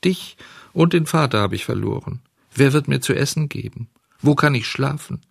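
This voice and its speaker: A man's voice: animated, creaky, dry recording, studio quality. A man voicing a desperate, weeping wooden puppet boy who pleads and sobs. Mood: despairing. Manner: sobbing, pleading, high and fast.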